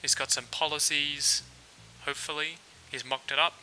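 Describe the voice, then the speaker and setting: This New Zealand livestream host has a voice on the high side and a moderate pace, casually coding while thinking out loud with frequent fillers. He sounds relaxed; faint music plays behind a rough recording.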